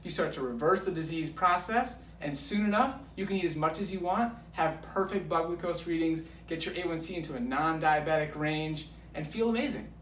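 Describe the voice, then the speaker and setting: This clip has a guest coach in his thirties explaining with enthusiasm and emphasis in a filmed conversation, hitting key points firmly. His fairly high, slightly bright voice is brisk with few pauses, captured from a distance in an echoey room with background noise.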